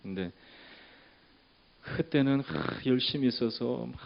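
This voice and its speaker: A man preaching a sermon as pastor, shifting from a chatty storytelling tone to loud, emphatic declarations. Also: mid-range voice, slow, creaky, muffled recording.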